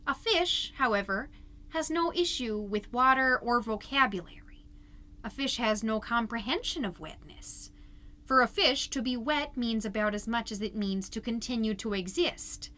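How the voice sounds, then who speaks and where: This woman has a fairly high pitch and a sharp tone. She plays a chirpy, gushing suburban PTA mom hosting a podcast, performing a comedic monologue in a theatrical, folksy, emphatic manner.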